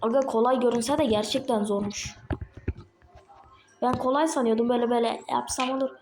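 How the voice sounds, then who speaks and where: A woman with a slightly sore throat, chatting excitedly to viewers while playing a game on a tablet. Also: fairly high pitch, fairly quick, a little hiss or hum. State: sore throat, a bit ill. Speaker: gaming channel host. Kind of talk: casual gameplay commentary. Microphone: tablet microphone.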